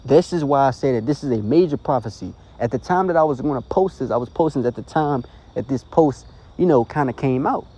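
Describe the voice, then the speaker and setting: A man's voice: medium pitch, expressive, fairly quick, mellow, husky. A man preaching informally into his phone, earnest and rambling, tagging lines with "you know" and "okay?". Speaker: street preacher. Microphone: phone recording.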